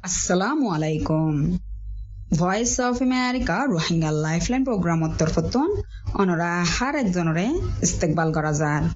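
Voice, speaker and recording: The audio is slightly dull and band-limited. A woman with a Rohingya accent presents scripted radio news in a fairly low voice. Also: expressive, moderate pace, over music.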